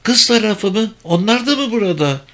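A frail, doting old village mother with a thin, quavering voice pitched high above the reader's own, fretful and close to tears, as a male reader puts her on. Her tone is bright and edgy, and she comes in a touch louder than the narration. She belongs to a storybook read aloud. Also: animated, normal speed. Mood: flustered. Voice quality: trembling, high voice. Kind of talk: storybook reading.

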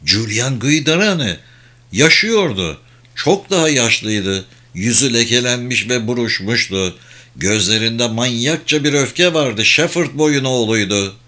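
A man reading a thriller novel aloud in a measured, dramatic narration. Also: medium pitch, lively intonation, sharp tone. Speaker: audiobook narrator. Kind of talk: scripted audiobook narration.

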